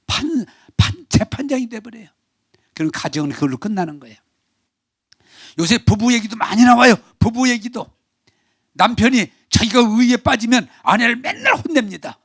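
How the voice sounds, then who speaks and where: A male pastor preaching a Sunday sermon in Korean, animated, acting out quarrelling family members. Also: very high-pitched, normal speed, breathy edge, no room sound, studio quality. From South Korea. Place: church sanctuary.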